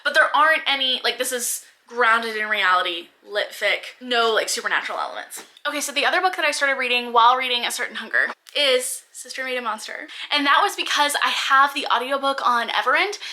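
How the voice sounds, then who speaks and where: A young woman with a high, bright voice talks casually to the camera about what she has been reading. She rambles in a chatty way, full of "like" fillers and side tangents. She is recorded at home on the camera mic. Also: animated, a little fast, hardly any pauses. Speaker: book vlogger.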